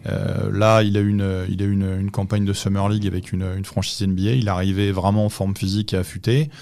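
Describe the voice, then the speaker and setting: A man who is an assistant basketball coach, giving measured, explanatory answers in a podcast interview with touches of dry humor. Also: lowish voice, gravelly, darkish tone, no echo.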